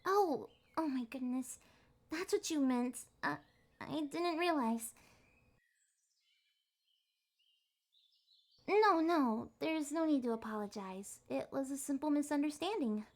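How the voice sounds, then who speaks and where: A woman voices a flustered, primly formal kitsune, an adorkable young adult fox girl, in an ASMR roleplay of a one-sided date. Her high voice is animated yet unhurried, and she strains to sound mature with wordy, proper phrasing and nervous hesitations. She comes across flustered and apologetic.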